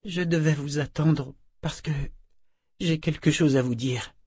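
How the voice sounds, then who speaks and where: A man's voice: on the high side, unhurried, darkish tone, slightly rough, dry recording, pitched above the performer's own voice. A man reading the lines of a dying wizard speaking tenderly to his wife. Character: dying young-looking male wizard, tender.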